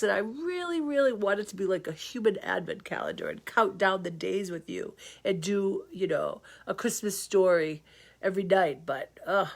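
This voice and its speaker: Storyteller host, middle-aged woman, nasal from the flu, bubbly, reads aloud for kids. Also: medium pitch. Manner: chatty and bubbly, talking to kids. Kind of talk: reading a picture book aloud.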